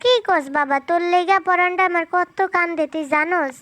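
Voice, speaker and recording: A woman's voice: extremely high pitch, fairly even intonation, a little fast, fairly bright tone, dry recording, pitched above the performer's own voice. Woman voicing a fussing village aunt. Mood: fond. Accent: rural Bangladeshi dialect. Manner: fond, chiding. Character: middle-aged village aunt, fond and fussing. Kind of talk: fan-fiction audio story.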